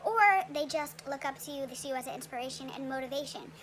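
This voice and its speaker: A woman's voice: high voice, flat delivery, fast. A young woman giving a casual tarot reading with a retainer in her mouth, chatty and full of fillers and "okay?" tag questions. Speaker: tarot reader.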